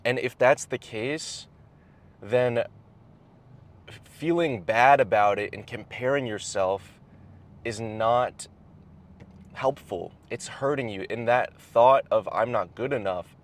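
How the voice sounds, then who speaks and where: A young adult man gives casual, reflective advice while driving and eating, speaking haltingly and thoughtfully with his mouth at times full. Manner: halting, thoughtful, pausing mid-phrase. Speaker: vlogger giving personal advice. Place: inside a car while driving. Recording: clear vehicle and road noise. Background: car and road rumble.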